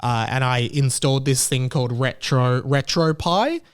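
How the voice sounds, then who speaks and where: With a medium-pitched, clear and resonant voice at a moderate pace, this man hosts a podcast in a loose, rambling way, full of fillers, restarts, and self-interruptions.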